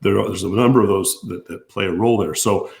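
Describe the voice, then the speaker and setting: Hoarse, gravelly low-voiced man. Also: fast. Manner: hesitant, many restarts and fillers. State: losing his voice from allergies. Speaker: doctor answering viewer questions. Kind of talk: live-stream Q&A.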